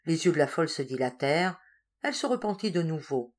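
A woman narrating a literary story in a measured, expressive reading voice. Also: deep voice. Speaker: audiobook reader. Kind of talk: scripted narration.

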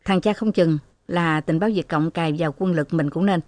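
A woman's voice: lowish voice, a little fast, a little mellow, no room sound, lightly acted. A woman reading the lines of an arrogant, mocking male police officer in an audiobook. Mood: sneering. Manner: mocking, bullying.

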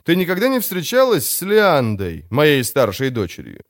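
Picture a sly, self-satisfied crime boss, smooth and expansive as he talks his way out of trouble, his pitch rising and falling freely. A man reads him in an audiobook, recorded dry and close. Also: huge pitch swings, moderate pace, no echo. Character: vain sly older male crime boss. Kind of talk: audiobook character voice.

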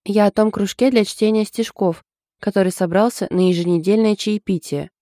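A woman voicing a sharp-tongued, sarcastic young woman who talks loudly and dramatically in an audiobook. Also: mid-range voice, moderate pace, dry recording, studio quality, natural voice. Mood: indignant. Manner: loud, dramatic, grumbling.

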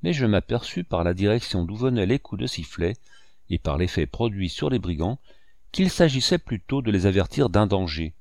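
A man narrating a novel in the first person with a measured storytelling delivery. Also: fairly low pitch, big pitch swings, gravelly, darkish tone, no room sound, clean studio sound. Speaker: audiobook narrator. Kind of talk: scripted narration.

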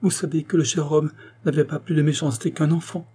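A man's voice: mid-range voice, normal speed, warm tone, husky, natural voice. A man voicing a tearful devout old housekeeper. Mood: imploring. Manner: pleading and sobbing.

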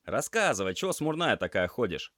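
A man's voice: medium pitch, big pitch swings, moderate pace, a bit bright, dry recording, clean studio sound, voice pushed up. A man voicing a cheeky joking tomcat student. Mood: teasing. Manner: teasing, boisterous. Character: cheeky young male cat student, joker.

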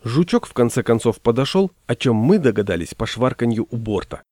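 A man narrating an audiobook in a measured storytelling manner. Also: mid-range voice, big pitch swings, dark tone, no echo, clean studio sound.

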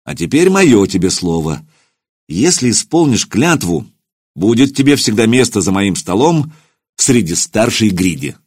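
A man's voice: fairly low pitch, big pitch swings, unhurried, darkish tone, slightly rough, no echo, clean studio sound, exaggerated voice. A man voicing a proud, imperious grand prince who speaks in a commanding, irritable way.

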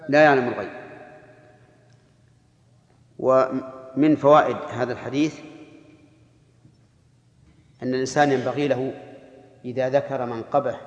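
A man giving a religious lesson, explaining texts in a measured teaching way and correcting the reader. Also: medium pitch. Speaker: sheikh explaining hadith. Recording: echoey hall, dull old tape.

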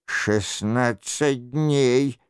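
A frightened monk gives nervous, evasive answers, pleading for his life, as a male audiobook reader puts him on. The reading is very slow, smooth and dry. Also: medium pitch, dry recording, pitched below the performer's own voice.

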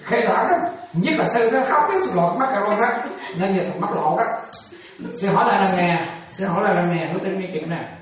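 A woman's voice: mid-range voice, a little fast. A woman giving a Buddhist dharma talk, casually quizzing her listeners again and again and chuckling as she goes. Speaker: Buddhist teacher. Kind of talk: dharma talk with questions to students. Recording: very echoey room, mic at a distance.

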